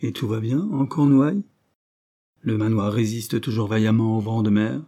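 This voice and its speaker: Guy reading a snooty rushed politician cousin, fake-polite, brushing people off. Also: lowish voice, warm tone. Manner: affectedly polite, hurried, dismissive. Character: haughty busy male deputy, Parisian cousin.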